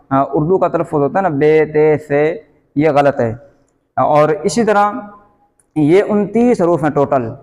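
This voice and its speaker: A man with a Pakistani Urdu accent teaching Quran reading in a slow, patient lesson, repeating each letter sound loudly. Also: on the high side, long reverb tail.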